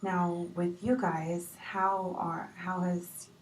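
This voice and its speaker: A woman playing a patient marriage counselor in a role-play, speaking gently with many fillers. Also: on the low side, flat delivery, slow. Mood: calm. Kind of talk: amateur improvised role-play. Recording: echoey room, distant mic, faint noise.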